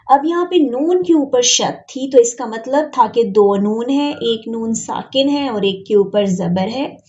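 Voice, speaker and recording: A woman teaching an online Quran reading lesson, explaining each rule step by step and drawing out example words slowly. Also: a little high, mellow, lo-fi sound.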